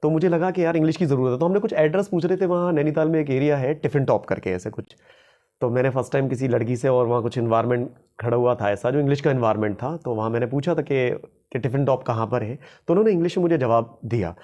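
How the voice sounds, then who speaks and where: A man talks quickly and freely as the guest of an interview, recounting his work as an English teacher. He sounds humble and keeps circling back over his own phrases. His voice sits at an ordinary middle pitch. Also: warm tone, highs cut off. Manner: fast-talking, humble, repeats phrases. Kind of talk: casual interview.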